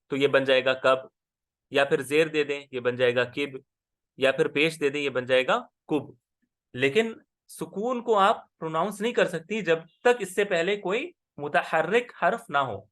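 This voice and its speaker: A man's voice: fairly high pitch, fairly bright tone. A man teaching Arabic letters in an online class, explaining patiently and often checking that his student follows.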